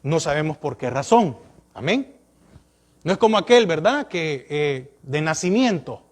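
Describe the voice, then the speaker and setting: Male pastor, high voice, preaching sermon with lots of rhetorical questions. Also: very animated, measured pace. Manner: questioning the congregation, rising and falling emphasis.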